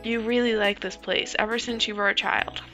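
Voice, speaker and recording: A woman voicing a gentle mother who talks softly and apologetically to her son. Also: a little high, fairly even intonation, normal speed, soft background music, rough recording. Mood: tender. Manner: soft and apologetic.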